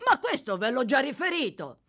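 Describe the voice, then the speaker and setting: Brief: woman voicing a drowsy dim young lad, plodding answers, lively pitch, storybook reading. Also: moderate pace, heavily acted. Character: sleepy young male informer, slow-witted.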